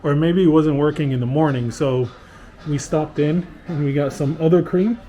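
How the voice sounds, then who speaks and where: A man co-hosting a travel vlog, calmly explaining what is going on. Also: a little high, moderate pace, poor audio. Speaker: vlog co-host. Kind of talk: casual vlog narration. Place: outdoors on city streets.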